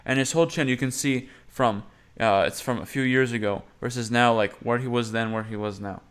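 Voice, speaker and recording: A man's voice: mid-range voice, a little fast, smooth. Casual rambling male voice coach. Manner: casual, rambling, frequent fillers. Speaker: voice teacher reacting to a video. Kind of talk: casual commentary.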